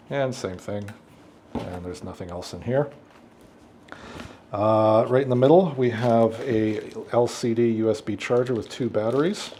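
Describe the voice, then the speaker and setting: Here a middle-aged unboxing host with an AV background talks casually off the cuff, musing as he unpacks. His pitch is fairly low and his tone dark, over slight background noise.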